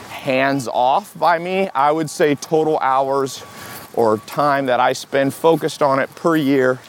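An American man hosting a podcast in casual solo talk while walking briskly outside. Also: mid-range voice. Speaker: podcast host. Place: outdoors in a city park, on the move. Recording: outdoor city noise, traffic hum. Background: street and outdoor city ambience with vehicles.

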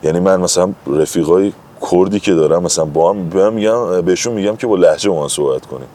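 A man's voice: sits low, dark tone. A man talking as a guest in a casual conversation, telling anecdotes in an emphatic, chatty way.

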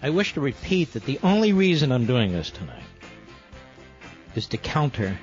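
A man's voice: very animated, moderate pace, dull audio, soft background music. An American man, a talk radio host, delivering an emphatic infomercial-style read. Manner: emphatic sales pitch, repeating offers and phone number.

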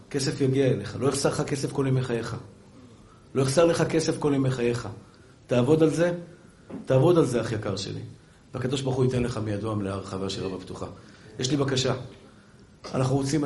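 A man, a rabbi giving a sermon to a congregation in a synagogue, who swings between hushed pleading and loud, fervent exhortation, firing off repeated rhetorical questions and calling listeners by endearments. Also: medium pitch, slight background noise. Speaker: rabbi giving a weekly lesson.

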